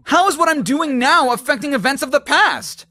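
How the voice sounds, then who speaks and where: A man's voice: extremely high pitch, animated, moderate pace, very noisy. A man giving scripted, nitpicking commentary as a sarcastic game critic.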